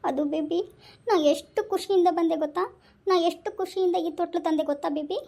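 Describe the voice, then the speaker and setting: Whiny heartbroken young husband, over-the-top pleading, as a woman acts him out, very high voice, comic skit. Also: a little fast, mellow. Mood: wailing.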